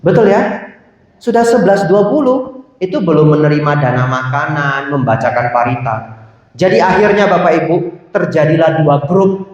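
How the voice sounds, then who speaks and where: A man, a Buddhist monk, giving a sermon to a lay audience, telling a story in an animated way and often turning to address his listeners. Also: fairly high pitch, moderate pace. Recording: echoey hall, distant mic, slightly dull.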